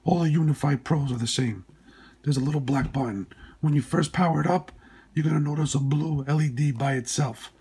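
A man with a very husky, rough voice that sits a little high talks through a hands-on tutorial. He sounds congested, as if his nose is blocked after surgery. His phrases are short, plain and informal, one step at a time. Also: brisk, mellow. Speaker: tutorial presenter. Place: indoors at a workbench.

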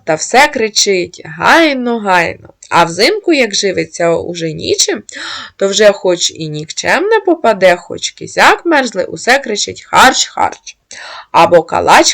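A woman delivers a measured, scripted narration in a host's voice. Her pitch moves in a lively way, and a gravelly fry runs through her delivery. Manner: measured reading aloud of folk sayings. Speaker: channel host and narrator.

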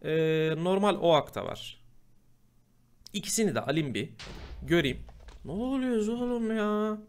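A man giving casual gameplay commentary, chatty and prone to loud, exasperated outbursts. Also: sits high, sing-song, unhurried, slight background noise. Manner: chatty, bursts into loud exasperated shouting at mobs. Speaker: gameplay host. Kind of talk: casual Minecraft let's play commentary.

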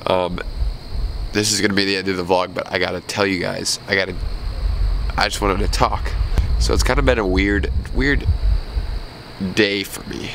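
Crickets chirp as a vlogger in his twenties speaks to a handheld camera at arm's length outside at night, his nose stuffed up. He's reflective and earnest, rambling and restarting in casual talk to camera. His voice sits low and a bit bright with a steady tone, normal speed, and frequent pauses; the recording is rough, with slight background noise.

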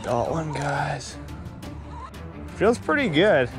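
A young man with a slightly high voice talks through his catch on a riverbank, chatty and stop-start with plenty of fillers. He is picked up by a body-worn action camera outdoors, with faint music under him. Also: sing-song, very slow. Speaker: fishing vlogger. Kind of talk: casual on-the-spot fishing commentary.

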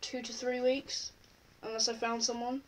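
A woman's voice: on the high side, level tone, normal speed, recorded from a distance, rough recording. A woman vlogging casually at home, reading quiz questions aloud and answering them offhand. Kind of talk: casual chat while taking an online quiz.

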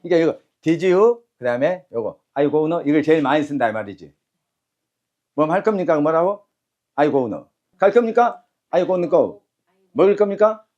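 A man teaching an English lesson in a classroom lecture style, brisk and commanding, calling out cues and having phrases repeated back. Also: fairly high pitch, animated, a little mellow, lo-fi sound.

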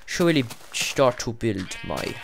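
A young man commentating his own gameplay, talking to himself and the game in an excitable, silly way. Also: mid-range voice, takes it slowly, vocal fry, loud music behind the voice. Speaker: Let's Play gamer. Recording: noisy home mic recording.

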